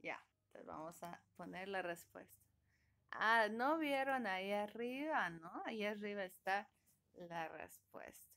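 A woman's voice: mid-range voice, animated, unhurried, fairly bright tone. A woman teaching an online class, patiently prompting her students and coaxing them to answer. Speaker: English teacher.

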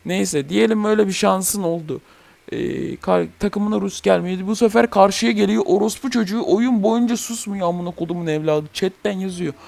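A man's voice: high-pitched, vocal fry, a little mellow, no echo. A young man hosting a gaming channel, ranting heatedly and swearing in a casual chat about a game.

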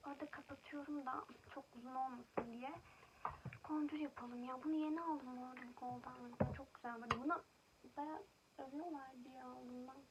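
A young woman talks through a casual makeup vlog, her voice sitting a little high. She vents in an indignant tone and often slips into half-whispered asides. The home recording carries clear background noise and room ambience. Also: steady tone, brisk, muffled recording. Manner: venting, indignant, drifting into soft whispers. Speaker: vlogger.

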